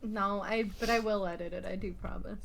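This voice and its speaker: A woman's voice: mid-range voice, fairly even intonation, brisk, creaky. A woman co-hosting a casual podcast chat, giggly and hesitant, with lots of "like" fillers. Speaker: podcast co-host.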